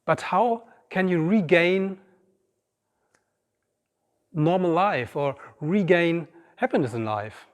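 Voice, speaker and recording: The voice is a little high and expressive, slow, with frequent pauses. It comes from a man in his 50s speaking directly to an audience from a large auditorium stage in a reflective, personal inspirational talk, captured with a long hall reverb.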